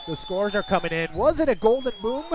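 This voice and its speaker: A man co-hosting an excited live surf broadcast, casual and exclamatory in his delivery. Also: high voice, brisk, slight background noise. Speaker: live sports commentator and broadcast host.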